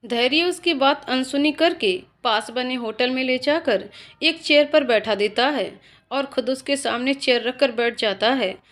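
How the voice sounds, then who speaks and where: A woman's voice: sits high, measured pace, a bit bright. A woman narrating an emotional family story in scripted style.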